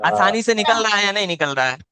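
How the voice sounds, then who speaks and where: Bright, clear-voiced male Quran teacher. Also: high voice, expressive, fast talker. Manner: patient, repeats points, demonstrates each sound aloud. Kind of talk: live online class, teaching letter sounds. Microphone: video call.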